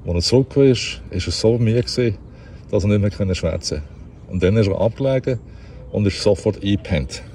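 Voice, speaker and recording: A man with a Basel Swiss German accent reading a fairy tale aloud outdoors, relaxed and chatty, with laughs and self-corrections. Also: fairly low pitch, a little fast, a little hiss or hum. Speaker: storyteller.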